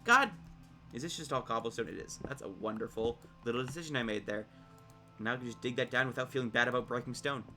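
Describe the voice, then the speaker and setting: Excitable man rambling over gameplay. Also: medium pitch, quick pace, soft background music. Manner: excitable, rambling self-talk to viewers. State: voice cracking from overuse. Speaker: gaming video creator. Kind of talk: casual gameplay commentary.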